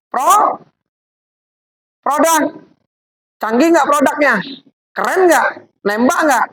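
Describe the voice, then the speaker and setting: A high-voiced woman, recorded in low quality, leads a live product demo for a group. She is an MLM presenter whose chatty, coaxing style steers the volunteers, and audience crowd noise fills the background.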